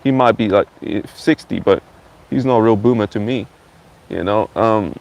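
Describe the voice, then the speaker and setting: A man's voice: on the low side, normal speed, vocal fry, darkish tone, slight background noise. A channel host giving a blunt, insulting ranting monologue and repeating his phrases.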